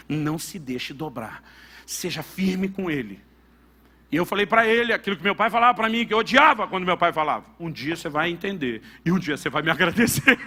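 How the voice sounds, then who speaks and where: Man, Brazilian Portuguese accent, middle-aged pastor, sermon storytelling, bright forceful tone, fairly high voice. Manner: storytelling, quotes family dialogue, emphatic.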